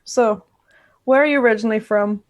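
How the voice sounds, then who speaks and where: Northern Irish woman interviewer, chatty and rambling, brightish voice, dry close sound. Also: a little high, brisk, dry recording. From Northern Ireland. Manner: chatty, rambling, asks lots of questions. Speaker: podcast co-host interviewer. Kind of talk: casual chat interview.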